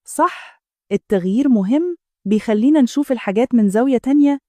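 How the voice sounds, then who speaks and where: A woman voicing a calm, kind man in his late thirties, a manager who talks quietly and gently in a spoken story. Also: a little high, fast talker, no echo, studio quality, close to an everyday voice.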